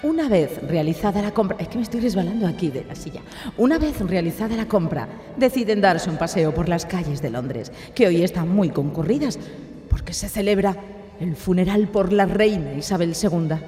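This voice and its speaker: A woman's voice: lowish voice, lively intonation, normal speed, mellow. A woman narrating a comedic radio sketch. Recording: hall reverb, faint music.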